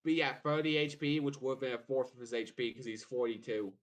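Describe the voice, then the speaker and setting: A man running a streamed tabletop game as game master, narrating with lively, theatrical swings of excitement. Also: mid-range voice, fairly quick.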